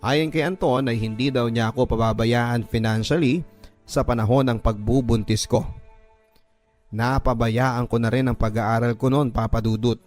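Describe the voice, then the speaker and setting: Over background music, a man with a Filipino accent narrates a listener's story in the first person, emotive and scripted, as a radio drama host reading a letter. His mid-range voice is a little mellow, with fairly even intonation and a moderate pace.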